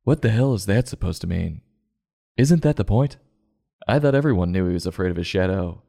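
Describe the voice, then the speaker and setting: A man's voice: sits low, animated, brisk, gravelly, dark tone. A man hosting a comedic review show, narrating and commenting in an irreverent, sarcastic, profane way.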